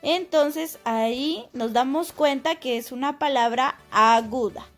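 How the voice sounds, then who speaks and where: A woman, teaching a primary school class and patiently explaining step by step, repeating words slowly. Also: high-pitched, faint music behind. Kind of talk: recorded class lesson.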